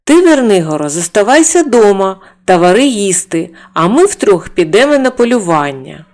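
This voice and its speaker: A woman's voice: mid-range voice, very animated, normal speed, a little mellow. Woman voicing a bold young folk hero. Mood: commanding.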